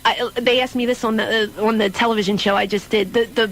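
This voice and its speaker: A woman's voice: on the high side, steady tone, fast, rough recording. A young adult woman, a pro wrestler, talking casually as a radio guest and often repeating words and restarting her sentences. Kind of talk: casual radio interview chat.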